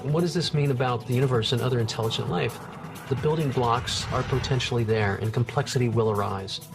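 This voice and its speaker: A middle-aged research scientist speaks with a medium-pitched, slightly quick, creaky voice, with music playing behind him. He explains things casually and with a sense of wonder, like an expert in a nature documentary, sounding enthusiastic, amazed and plain-spoken.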